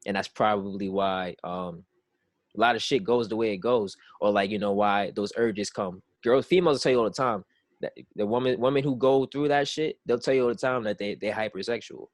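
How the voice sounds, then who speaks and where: Halting, frank young man, dry sound. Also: on the low side, no room sound. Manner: halting and frank, full of restarts and fillers. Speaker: podcast co-host. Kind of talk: casual chat.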